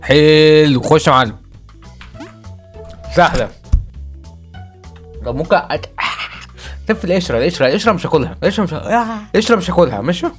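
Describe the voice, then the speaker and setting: A young man with an Egyptian Arabic accent doing excitable let's-play commentary as a gaming video host, repeating phrases and crying out. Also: a little high, fast, long pauses, soft background music.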